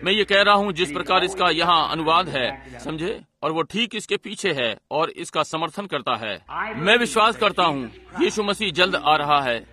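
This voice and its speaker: A man's voice: a little high, animated, normal speed, bright, forceful tone. A man preaching a sermon and praying, talking earnestly and repeating himself, often turning to the congregation with asides. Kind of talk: Hindi sermon and prayer.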